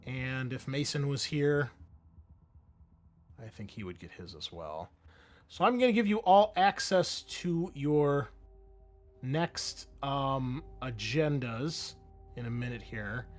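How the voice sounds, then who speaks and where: A game master runs a tabletop roleplaying session, narrating casually and addressing each player in turn. His mid-range voice is expressive and slow, with music playing behind it.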